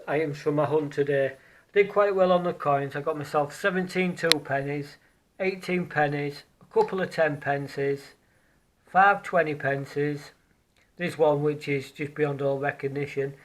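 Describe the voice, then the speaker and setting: A man's voice: on the high side, poor audio. A man outdoors on a beach, chatting casually about his metal detecting finds in a musing, hesitant way, often repeating words.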